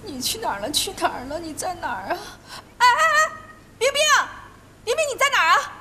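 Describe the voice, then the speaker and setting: An actress playing a frantic, hot-tempered middle-aged mother in a TV drama, excitable and quick to scold. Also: very high voice, a little hiss or hum, exaggerated voice. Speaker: mother of a grown daughter. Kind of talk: TV drama acting. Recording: faint music behind.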